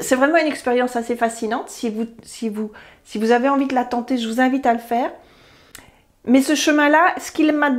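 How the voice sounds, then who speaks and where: A woman, a therapy practitioner talking earnestly to camera, rambling and correcting herself as she goes. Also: sits high. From Belgium. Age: 50s. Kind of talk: personal talk to camera.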